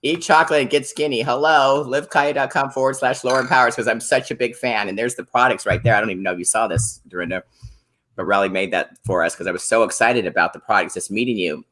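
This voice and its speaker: A woman's voice: rumbling low, steady tone, fast, a bit bright. Upbeat middle-aged woman host. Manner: enthusiastic, upbeat product praise. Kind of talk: casual interview chat.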